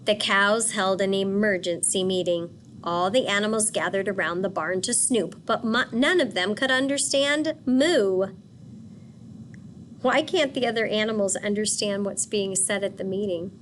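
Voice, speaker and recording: A woman teacher reading a picture book aloud and pausing to ask children questions. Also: mid-range voice, a little hiss or hum. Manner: patient, asks questions for children.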